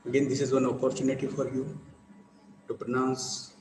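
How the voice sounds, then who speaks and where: A man's voice: medium pitch, little pitch movement, normal speed, darkish tone, reverberant, in a large hall, a little hiss or hum, poor audio. A male teacher explaining intonation to a class, repeating points and checking that students follow. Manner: repetitive, asks for confirmation. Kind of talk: classroom lecture.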